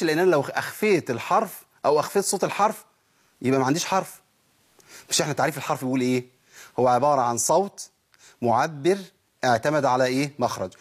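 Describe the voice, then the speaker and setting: A man with an Egyptian Arabic accent teaching Quran recitation rules in a lesson. He keeps asking questions and answering them himself, and he says sounds out loud to show how they work. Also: medium pitch, husky. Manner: asks rhetorical questions and answers them, demonstrating sounds aloud.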